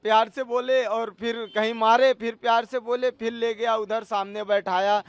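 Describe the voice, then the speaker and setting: A man's voice: extremely high pitch, level tone, moderate pace, smooth, no room sound. A man in his thirties, a cook, pleading his case in a news interview and calling the interviewer sir again and again. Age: 30s. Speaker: cook alleging assault.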